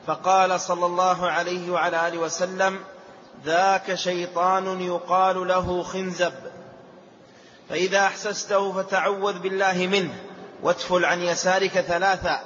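A man with a high, monotone voice reads a passage aloud in a chanting manner. He sounds far from the mic, and the long echo of a hall fills the dull, lo-fi recording with a faint hiss behind it. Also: normal speed. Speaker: student reading the text. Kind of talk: chanted reading of a text. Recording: distant, echoey hall, lo-fi with faint noise.

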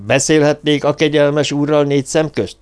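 Man doing a formal guard captain, clipped, loud, audiobook role. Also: fairly high pitch, little pitch movement, clear, resonant tone, pitched above the performer's own voice, natural voice. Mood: urgent. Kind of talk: audiobook character voice.

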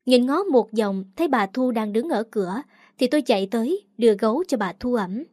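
A woman narrating a first-person story in a steady, plain storytelling manner. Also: on the high side, fairly quick, no echo, studio quality.

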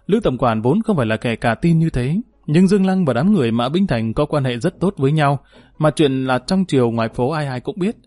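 A man's voice: medium pitch, expressive, a little fast, darkish tone, dry recording. A man narrating a historical novel, reading steadily and lifting his voice when characters speak. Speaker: audiobook narrator.

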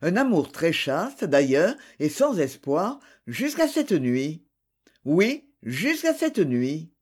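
A reader voicing a composed male prosecutor speaking in a measured, official manner in an audiobook. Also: medium pitch, sing-song, breathy edge, exaggerated voice.

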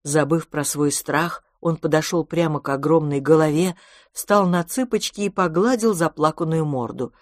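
Dry, calm children's audiobook narrator. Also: mid-range voice, moderate pace, no room sound.

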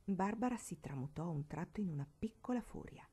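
A woman reading a classic novel aloud as narrator, in an expressive, dramatic manner. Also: lowish voice, brisk, breathy edge. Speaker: storybook reader.

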